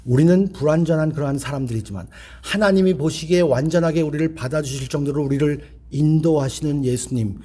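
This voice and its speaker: A man's voice: fairly high pitch, a little fast, hardly any pauses, mellow, husky. A middle-aged male pastor preaching a revival sermon in a church, telling a story earnestly and acting out the dialogue.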